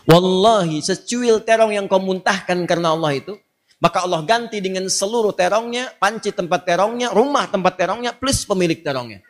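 A man's voice: a little high, big pitch swings, normal speed, long reverb tail. A man voicing a loving young wife who speaks tenderly and solemnly.

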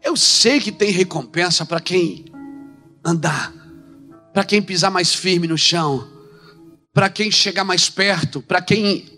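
Guy preaching at church on a handheld mic, high voice, goes soft then shouts, faint music behind. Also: slow, long pauses. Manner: emphatic, swings from soft to shouting. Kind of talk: sermon. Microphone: handheld microphone.

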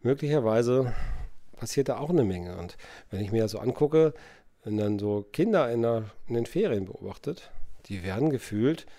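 A man's voice: mid-range voice, animated, normal speed, mellow. A man hosting a podcast alone, thinking aloud in a musing way with many hesitations and fillers. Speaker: podcast host. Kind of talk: reflective solo podcast talk.

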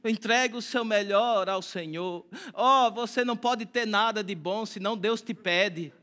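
A male pastor with a Brazilian Portuguese accent preaching a lively sermon, acting out quotes and building to shouts. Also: sits high, unhurried, clear, resonant tone. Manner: animated, acts out quotes in other voices; rises to shouting at climaxes.

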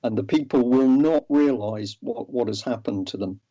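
Guy explaining stuff earnestly, lots of ums, mellow voice, muffled lo-fi audio. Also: mid-range voice, normal speed. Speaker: guest. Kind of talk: interview over a remote line. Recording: dull lo-fi audio.

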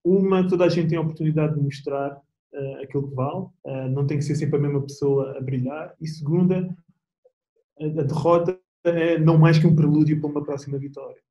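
A young man with a European Portuguese accent, chatting as an interview guest in a relaxed, slangy way with plenty of restarts. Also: a little high, a little fast, roomy sound, dull audio. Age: young adult. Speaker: guest athlete. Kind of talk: casual interview chat.

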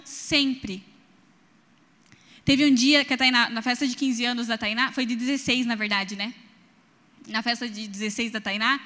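Young Brazilian woman preacher, high and bright, animated storyteller, church hall reverb. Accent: Brazilian Portuguese. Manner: animated storytelling, addresses the congregation directly. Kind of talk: sermon with personal stories.

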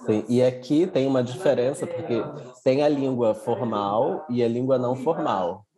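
A man's voice: medium pitch, normal speed, crowd noise. A man, a guest telling anecdotes in a casual podcast chat.

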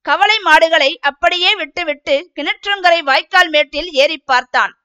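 A woman reading a novel aloud as narrator in an even, measured manner. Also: very high voice. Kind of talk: storybook reading.

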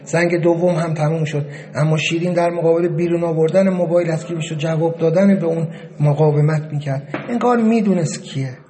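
Man, first-person audiobook narrator, high-ish voice, steady, reflective.

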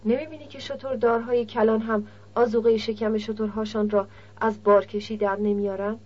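A blunt young nomad camel driver speaks in plain, guarded words, voiced by a woman narrator. The voice sits a little high and husky. The audiobook recording sounds dull and lo-fi. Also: fairly even intonation, darkish tone.

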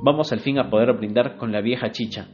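A man's voice: mid-range voice, steady tone, a little fast, darkish tone, close to an everyday voice. A stern, blustering father of a family, as a man reads him aloud in a storybook telling. He scolds and huffs with pompous authority over a faint bed of guitar. The recording is dull and lo-fi. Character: stern middle-aged father, proud and quick-tempered. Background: faint guitar music.

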